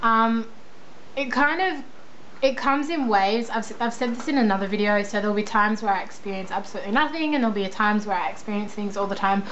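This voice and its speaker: A woman's voice: medium pitch, fairly quick, a bit bright. A young woman with an Australian accent chatting casually in a rambling, self-deprecating, informal way as she answers viewer questions. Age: young adult. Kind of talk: casual chat. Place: indoors at a computer. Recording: dull lo-fi sound, faint background noise.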